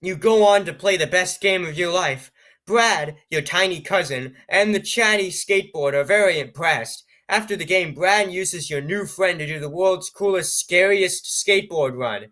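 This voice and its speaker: A man reads a strange computer-written story aloud in a high, bright voice, tripping over odd phrases. He breaks off again and again for sarcastic, amused comments on the text. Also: moderate pace. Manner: sarcastic, amused, stumbles over words while reading. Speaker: channel host reading an AI-written story. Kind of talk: reading aloud with joking asides.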